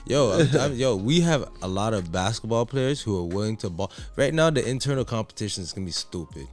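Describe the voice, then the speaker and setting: A man chatting casually about basketball as co-host, animated and slangy, joking and repeating himself. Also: lowish voice, brisk, faint music behind. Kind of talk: casual sports chat.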